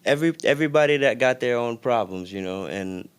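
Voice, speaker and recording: A young man from Senegal with a Senegalese accent, a guest in a casual interview, talking in a relaxed, reflective way with many fillers. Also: mid-range voice, brisk, clear, resonant tone. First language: Wolof. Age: young adult.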